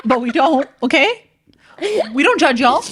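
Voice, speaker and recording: A woman's voice: high voice, sing-song, unhurried, a bit bright. A woman co-hosting a podcast in casual, slangy chat, repeating phrases for emphasis. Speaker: podcast co-host.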